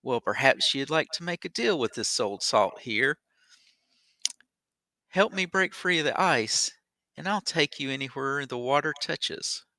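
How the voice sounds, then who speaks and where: A man voicing the gruff ghost of an old sea captain in salty sailor talk for a tabletop game. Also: medium pitch, expressive, a little slow, bright, forceful tone, dry recording. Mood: hearty, bargaining. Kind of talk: tabletop role-play.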